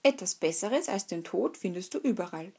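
A woman's voice: mid-range voice, expressive, moderate pace, dark tone, breathy edge. A woman voicing an old, kind male donkey who leads and encourages the other animals, in a spoken fairy tale. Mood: encouraging.

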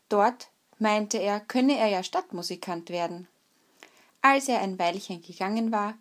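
A woman tells a fairy tale at an even, measured pace. Her voice sits in a middle pitch and has a breathy, husky texture. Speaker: storyteller.

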